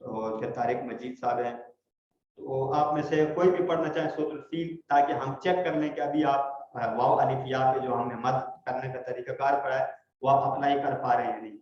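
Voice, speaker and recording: A man's voice: mid-range voice, fairly even intonation. A man teaching a Quran recitation class online, patient and explaining step by step. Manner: patient, explains step by step, checks understanding often. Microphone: online video call. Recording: echoey, muffled online call audio.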